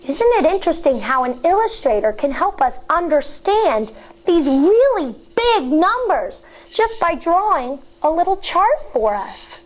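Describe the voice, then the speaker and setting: An American schoolteacher reads a children's book aloud, deliberate and instructive, explaining as she goes. Her voice is high-pitched and the audio sounds dull.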